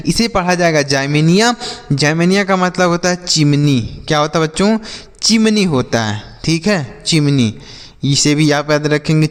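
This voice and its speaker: A man teaching English reading as a slow lesson, spelling words letter by letter and repeating each answer for his pupils. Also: a little high, fairly bright tone, big-room sound. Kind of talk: classroom-style spelling lesson.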